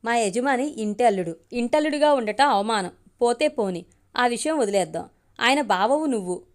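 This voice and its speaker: A woman voicing a clever young male driver in a storybook reading, calm and polite with a pointed edge. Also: fairly high pitch, normal speed, close to an everyday voice.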